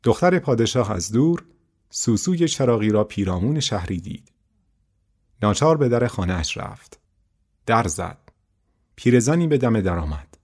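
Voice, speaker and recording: A man reading a folk tale aloud for a podcast in a calm, measured way. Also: on the low side, slightly rough. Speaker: podcast storyteller. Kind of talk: scripted storybook narration.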